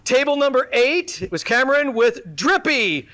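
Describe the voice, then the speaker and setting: A man with a strikingly high voice emceeing a live showcase. He talks in a bright, salesy pitchman patter and throws joking asides to the crowd. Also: very animated, a little slow. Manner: upbeat pitchman delivery, joking asides to the audience. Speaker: event emcee. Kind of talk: live emcee patter introducing student products. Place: event venue with audience.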